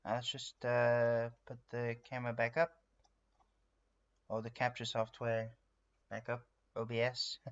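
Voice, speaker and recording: A native French speaker from France chats casually on a livestream while working on a drawing, rambling with lots of fillers and narrating his steps. His mid-range voice is smooth and monotone, with a measured pace and long pauses, and the sound is lo-fi.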